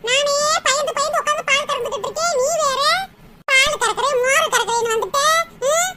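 A woman doing a snappy squeaky village woman. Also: brisk. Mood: scolding. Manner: snappy, scolding. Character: irritable busy older village woman milking a cow. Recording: loud background noise.

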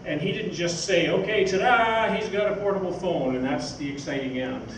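A high-voiced older man, a magazine editor, gives a halting, informal talk from notes on an indoor theatre stage. A stage mic on a stand is picked up by a distant camera, producing a roomy, noisy recording from far off.

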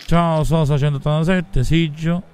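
Male game streamer, 30s, southern Italian accent, highish voice, exclamatory and sweary, close mic with noise behind. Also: steady tone, a little slow, darkish tone. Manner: foul-mouthed, exclamatory. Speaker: live streamer. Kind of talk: casual gaming stream commentary with chat greetings. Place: small room at home. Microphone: close studio mic on boom arm.

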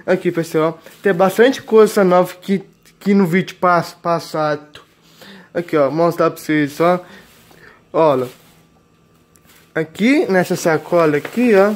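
A high-pitched young man in his late teens, with a Brazilian accent, speaks at a measured pace with frequent pauses while vlogging groceries in his home kitchen. His chat is casual and repetitive, marked by filler tags, against clear crinkling plastic bags.

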